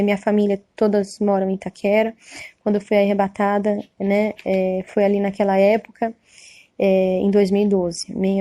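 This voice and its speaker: A woman's voice: medium pitch, mellow. A Brazilian woman giving an emotional, earnest religious testimony, often asking her listeners "amém?". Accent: Brazilian Portuguese. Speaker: church member giving testimony.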